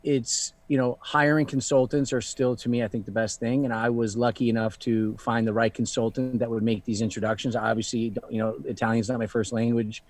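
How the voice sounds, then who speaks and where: A man in his thirties, a luxury fashion founder appearing as a guest in a casual live online Q&A, speaks casually and reflectively, sprinkling in many "you know" fillers. His mid-range voice is level in tone and a little mellow, moving slightly fast with hardly any pauses, and the recording has no echo.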